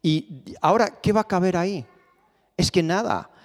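A male pastor from Spain delivers a sermon, telling stories and driving points home with rhetorical questions and repetition. His slightly high voice moves at normal speed and carries a long reverb through the echoey church hall.

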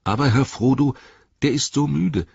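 A man voicing a loyal, plain-spoken male hobbit who talks bluntly in a raised, lively voice, in a slightly dull recording. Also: medium pitch, moderate pace, vocal fry, breathy edge, no echo, pitched above the performer's own voice.

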